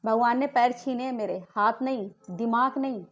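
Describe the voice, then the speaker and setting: Indignant high-voiced woman ranting. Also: moderate pace, lo-fi sound. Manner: indignant, accusing, repeated rhetorical questions. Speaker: vlogger. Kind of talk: angry family-dispute rant to camera.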